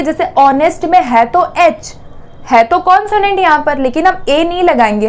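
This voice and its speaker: A woman teaching an exam-prep grammar lesson, repeating words slowly and checking in often. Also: high voice.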